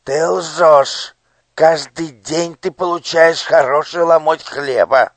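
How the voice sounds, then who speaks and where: A man voicing a cruel, shrill male minister who screeches and spits with rage in a storybook reading. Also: animated, unhurried, vocal fry, no echo, heavily acted. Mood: cold sneer. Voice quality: squeaky, piercing, screeching. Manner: shouting, spitting with rage.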